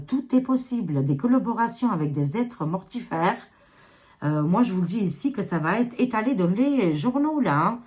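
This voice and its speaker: A woman's voice: mid-range voice, a little mellow. A woman with an Albanian accent reading tarot cards to camera in a rambling, casual way, dropping many fillers. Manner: rambling, filler-heavy, repeats 'hein'. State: tired. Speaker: tarot reader.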